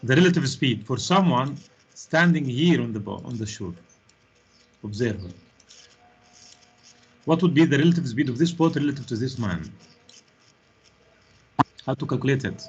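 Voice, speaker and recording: A man's voice: mid-range voice, animated, moderate pace, pauses often, husky. A man teaching an online physics class over a video call, questioning students and explaining step by step. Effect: heard over a video call. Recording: muffled video-call audio.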